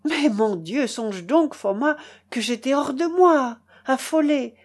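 Storybook role: eager-to-please male colonel begging forgiveness, read by a woman, animated delivery. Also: high voice, takes it slowly, pitched above the performer's own voice, exaggerated voice. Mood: pleading. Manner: pleading, effusive apologies.

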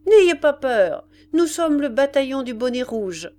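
Woman doing a loud gruff sergeant guy, barks questions, slow and pushy. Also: a little high, big pitch swings, voice pushed up. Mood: barking. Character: gruff male Republican army sergeant, blustering interrogator.

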